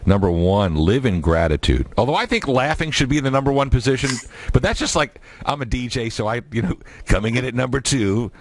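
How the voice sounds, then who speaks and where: A male talk radio host interviewing a guest, joking often with quick asides. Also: mid-range voice, no room sound. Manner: jokey, animated, quick asides.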